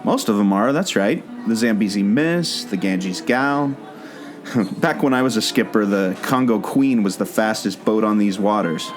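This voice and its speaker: Over plucked guitar music, a man with a lowish, unhurried voice and lively intonation tells a mystery earnestly, drawing the listener along like a storyteller. He co-hosts a podcast, used to be a theme park skipper, and here performs in a scripted audio play.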